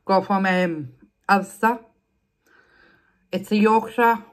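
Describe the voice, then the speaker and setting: Eating on camera for a casual mukbang, a young woman who makes food vlogs rambles along and says things more than once. She talks slowly in a mid-range voice.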